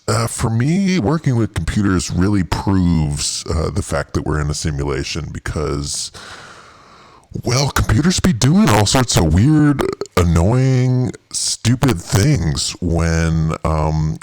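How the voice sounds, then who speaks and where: Deep-voiced man rambling on a livestream. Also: darkish tone, dry recording. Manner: rambling, full of restarts and fillers. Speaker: show host. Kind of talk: casual livestream monologue.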